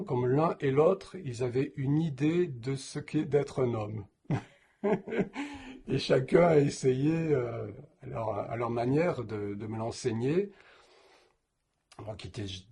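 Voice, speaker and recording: A man's voice: fairly low pitch, gravelly. A middle-aged man from southern France telling a personal story in a reflective, hesitant way, chuckling now and then. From southern France, Roussillon.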